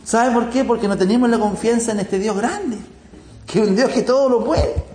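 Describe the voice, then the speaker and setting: A man's voice: very high-pitched, normal speed, a little mellow. A man preaching in Chilean Spanish, telling homely anecdotes and acting out the people in them with a chuckle. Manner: folksy, chuckling anecdotes with acted-out voices. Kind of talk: sermon with storytelling. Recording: echoey room, faint ambient noise.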